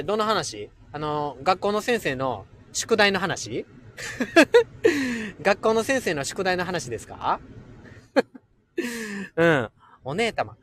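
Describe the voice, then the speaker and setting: A man's voice: high voice, a bit bright, a little hiss or hum. A man hosting a casual solo livestream, chatting playfully with listeners and laughing often. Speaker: livestream host.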